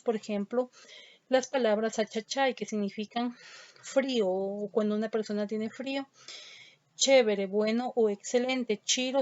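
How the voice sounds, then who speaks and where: A woman's voice: a little high, darkish tone. A woman teacher, explaining an online lesson step by step and reading out questions and answers. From Ecuador. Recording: dull lo-fi dry audio.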